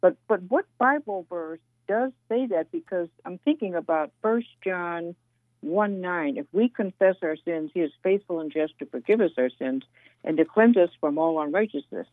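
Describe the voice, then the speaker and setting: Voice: medium pitch, expressive, moderate pace, dry recording. A radio show host who eagerly affirms the guest and asks follow-up questions. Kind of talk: radio call-in talk show. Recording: tinny phone-like radio audio.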